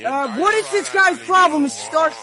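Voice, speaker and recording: A young actor playing an eager, nervous teenage superhero who rambles excitedly. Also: male voice, extremely high pitch, moderate pace, over music. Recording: film clip with crowd noise behind.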